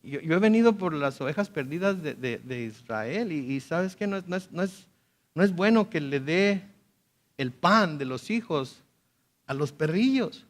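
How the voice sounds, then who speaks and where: A man speaking the part of a calm, firm teacher in a retold story, with halting restarts. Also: on the high side. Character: calm firm male teacher answering a plea.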